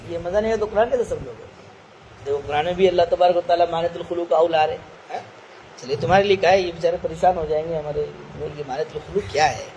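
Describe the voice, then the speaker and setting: A man from Bihar teaching a Quran commentary lesson. He recites verses slowly, then explains them in everyday speech and quizzes his listeners with questions. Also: high voice, a little mellow, a little hiss or hum, low-quality recording. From Bihar, India.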